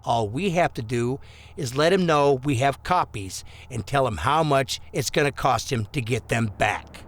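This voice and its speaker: Voicing a smooth, corrupt small-town cop who bullies and blackmails, a man sounds mock-friendly, insinuating and threatening in an audio drama. His voice is natural, medium-pitched and at normal speed.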